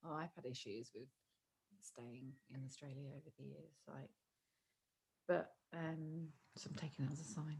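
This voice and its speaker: A woman's voice: low voice, fairly even intonation, normal speed, creaky, a little mellow, husky. A young woman co-hosting a podcast, chatting openly and emotionally, laughing often. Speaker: podcast co-host. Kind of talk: casual chat.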